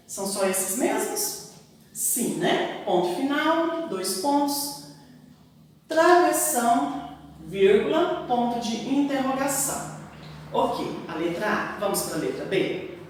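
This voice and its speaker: Lively Brazilian woman teacher, echoey room. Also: fairly high pitch, a little hiss or hum. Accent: Brazilian Portuguese. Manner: sing-song, emphatic teacher intonation with frequent "tá?" checks. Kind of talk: classroom lesson for children. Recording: echoey room, recorded from a distance.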